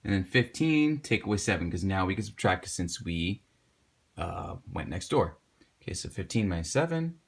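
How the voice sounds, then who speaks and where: A male math teacher with a husky, low voice that rises and falls a lot as he explains. He patiently talks viewers through a word problem and tells them to pause and work along. His tone stays encouraging throughout. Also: big pitch swings. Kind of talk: homework help video lesson.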